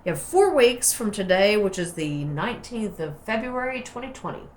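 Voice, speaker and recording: A woman with an Appalachian hillbilly accent chats casually for a craft vlog. Her talk is folksy and playful, rambling along in homespun slang at a middling pitch. There is some background noise in the recording. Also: sing-song, moderate pace. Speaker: soap maker and channel host.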